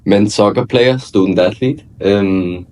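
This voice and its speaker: A young Danish man with a deep voice, a college soccer player, chats as a guest in a casual interview. He speaks a little slowly, relaxed but hesitant, with many fillers and restarts, and there's a slight hiss or hum on the recording.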